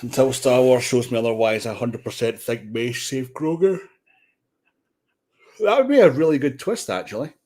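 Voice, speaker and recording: A man hosting a casual livestream watch party, excitable, swearing casually and restarting his sentences. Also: mid-range voice, moderate pace. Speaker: livestream host.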